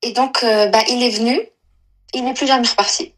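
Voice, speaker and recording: Caller, woman in her twenties from Algeria, higher-pitched voice, halting delivery with restarts. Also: steady tone, rough recording. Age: 20s. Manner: hesitant, halting, many fillers and restarts. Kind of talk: personal confession on a live call.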